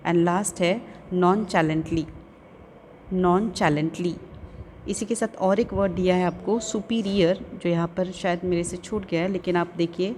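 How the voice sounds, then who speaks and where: A woman's voice: lowish voice, steady tone, normal speed, hardly any pauses, mellow, a little hiss or hum. A woman teacher with an Urdu-speaking Indian accent, explaining an English lesson and carefully sounding out English words, repeating each one.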